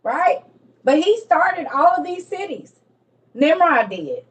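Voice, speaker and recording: A woman's voice: very high voice, big pitch swings, slow, far from the mic. A woman giving an emphatic, repetitive casual lecture to her viewers, teaching as she reads. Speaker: online teacher on religion and history.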